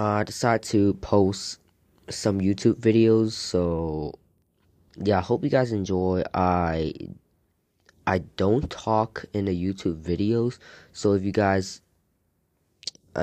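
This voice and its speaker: Low-voiced man, slow and halting. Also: darkish tone, dry recording. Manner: halting, hesitant delivery. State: sick, recovering from a sore throat. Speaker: host of a gaming podcast. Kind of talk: casual solo podcast update.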